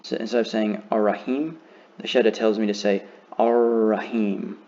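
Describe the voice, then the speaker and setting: A man teaching a beginner lesson, slowly and carefully demonstrating how each word is pronounced. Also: fairly low pitch, darkish tone, dull audio. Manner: slow, careful demonstration of pronunciation.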